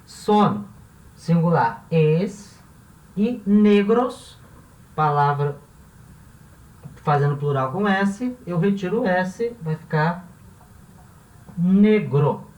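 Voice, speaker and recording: A woman's voice: fairly low pitch, animated, extremely slow, long pauses, a little mellow. A woman who teaches a language lesson. She explains each step patiently and often checks in with the class. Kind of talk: classroom-style video lesson. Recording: roomy echo, voice from a distance off the mic.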